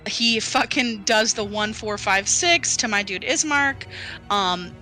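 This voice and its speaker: A woman's voice: medium pitch, takes it slowly, pushed and bright. A woman game master narrating a tabletop game in a casual, playful, colloquial and sweary way. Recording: music playing behind the voice.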